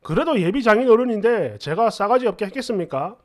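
Man, very high voice, animated, exasperated storyteller. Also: fast. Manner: conversational, exasperated, rhetorical asides. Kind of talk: narrating a reader-submitted story in first person.

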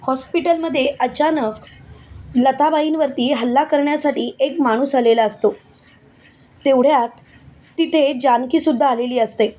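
A woman narrating a TV serial episode recap in a brisk storytelling manner, linking one event quickly to the next. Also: high voice, darkish tone. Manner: brisk, chains events with repeated "then".

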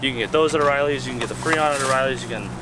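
A man's voice: mid-range voice, rapid-fire. A man hosting a car vlog who explains a repair in a casual, joking way while working outdoors beside a car. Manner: joking, self-mocking and chatty while working. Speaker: host. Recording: noisy outdoor recording with engine noise.

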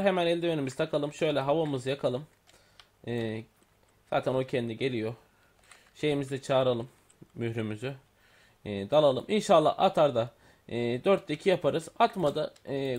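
Chatty young-sounding gamer man. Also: a little high. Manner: chatty, thinks aloud, many fillers and self-corrections. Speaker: gaming YouTuber. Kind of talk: casual gameplay commentary.

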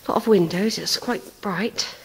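This vlogger, speaking with a West Country English accent, wanders around a country church and then inside, chatting casually, half to herself, and trailing off. Her mid-range voice moves at normal speed. The handheld camera mic yields a rough recording with slight background noise.

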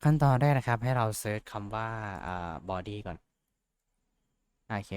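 A young man rambles through a casual tutorial, teasing himself and filling pauses as he goes. His voice sits on the low side and comes across smooth and clean. The sound is dry and close, with almost no room around it. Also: darkish tone, no echo. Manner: rambling, self-mocking, chatty with fillers. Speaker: VTuber tutorial host. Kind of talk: casual screen-share tutorial.

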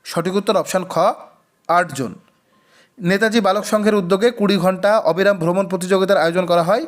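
A man's voice: high voice, a little fast. A man teaching an exam-prep quiz lesson, reading each question twice before giving and explaining the answer. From West Bengal.

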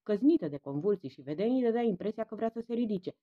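An expressive female audiobook narrator whose pitch swings widely as she shifts between characters. The recording sounds a bit dull and lo-fi. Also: no echo. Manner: expressive, voicing each character in turn. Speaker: audiobook reader.

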